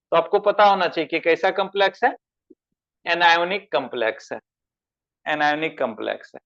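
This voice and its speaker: Male chemistry tutor, high-pitched, quizzes his class, muffled lo-fi recording. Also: fairly bright tone. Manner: addresses students as beta, asks them questions. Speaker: chemistry teacher. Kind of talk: online class lecture.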